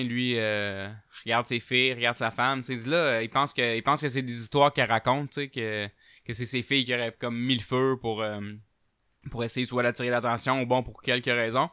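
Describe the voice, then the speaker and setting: A man with a Québécois accent casually telling a paranormal story, chatty with many fillers, getting loud at tense moments. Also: mid-range voice, clear, resonant tone, no echo, studio quality.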